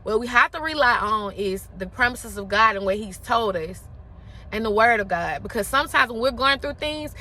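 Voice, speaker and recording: A woman's voice: on the high side, lively intonation, normal speed, sharp tone. A woman around forty giving an emphatic, impassioned motivational talk, repeating phrases for effect.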